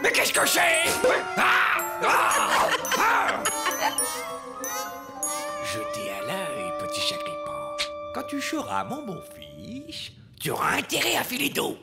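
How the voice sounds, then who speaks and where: A pompous alien emperor in a children's cartoon, boastful and theatrical, with an odd lisping accent. His pitch swings wildly from low growls to high cries, over a slow, drawn-out delivery with a gravelly edge. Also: huge pitch swings, over loud music, full character voice. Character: pompous vain male alien emperor, lovestruck.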